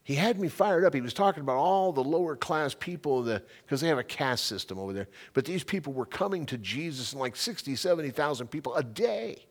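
Animated man preaching a sermon. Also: fairly high pitch, a little fast, few pauses. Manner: animated, emphatic preaching with repeated phrases. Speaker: pastor.

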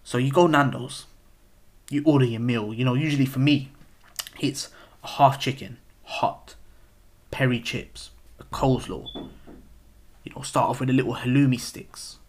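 A young man talks casually into a close podcast microphone, at an average pitch. His chat is relaxed and full of slang, and he laughs easily between his points. He sounds like someone hosting his own show alone. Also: moderate pace, long pauses. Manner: laid-back slang-heavy banter, laughs often. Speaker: podcast host. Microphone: close podcast mic.

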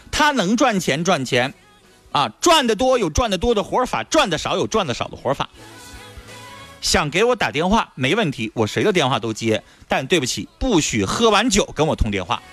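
A radio host lectures and scolds his caller, his fairly high voice swinging up and down with feeling. The studio sound is close and dry, with faint music underneath. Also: a bit bright, no echo. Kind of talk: blunt advice radio talk. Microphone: studio mic.

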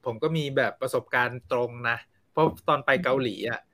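A man co-hosting a casual podcast chat, telling stories and explaining things in a relaxed way. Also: medium pitch, moderate pace. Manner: chatty storyteller, explaining. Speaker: podcast co-host. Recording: recorded from a live stream.

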